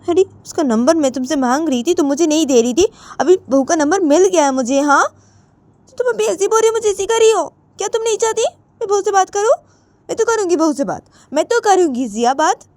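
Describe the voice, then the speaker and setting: A quarrelsome mother refuses to back down, as a woman narrator puts her on. She speaks high and sharp. Underneath, the voice stays mellow. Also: lively intonation, brisk, no echo. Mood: stubborn defiant. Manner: defiant, repeating refusals. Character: stubborn middle-aged mother, quarrelsome.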